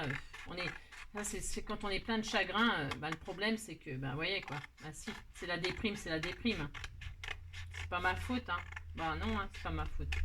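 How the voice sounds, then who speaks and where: A woman's voice: fairly high pitch, background noise. A woman hosting a card-making tutorial, chatting casually and joking about her own mistakes while she works. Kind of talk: casual self-mocking craft tutorial.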